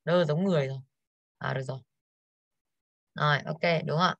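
A woman's voice: low-pitched, steady tone, fairly quick, vocal fry, dry recording, lo-fi sound. A woman English teacher going over exercises in an online class, tired and coughing now and then, who keeps putting questions to her students.

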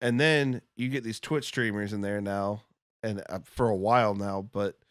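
A man's voice: on the low side, steady tone, normal speed, a bit bright, no echo, studio quality. A man guesting on a casual podcast, talking in a rambling, candid way and swearing now and then. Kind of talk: casual chat over beers.

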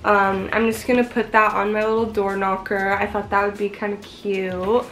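Stuffy from a cold, a young woman in her twenties vlogs casually from a small apartment bedroom, bubbly and chatty with some swearing, the camera close in front of her. Her voice is mid-range and a bit bright, with a level tone and moderate pace.

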